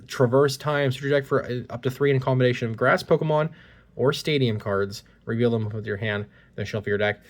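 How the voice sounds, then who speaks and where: Casually opening trading cards, a man reads the card text aloud in a medium-pitched voice, talking a little fast. He is slightly congested with a cold, recorded on a phone held at a point-of-view angle.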